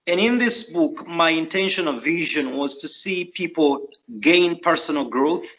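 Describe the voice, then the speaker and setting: A man's voice: fairly high pitch, measured pace, a bit bright, a little hiss or hum. A middle-aged man with a Ugandan accent, answering interview questions in an earnest, reflective way with frequent fillers. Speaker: guest author. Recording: muffled lo-fi audio.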